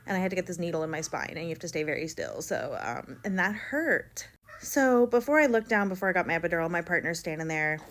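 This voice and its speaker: A woman's voice: on the low side, fast talker. Chatty young woman telling a story. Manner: animated, quotes others in livelier voices, many likes. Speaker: vlogger telling her birth story. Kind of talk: casual storytime.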